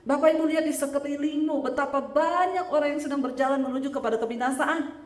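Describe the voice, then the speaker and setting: Woman preacher, high voice, lively testimony sermon, joking with the congregation, echoey church hall. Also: quick pace.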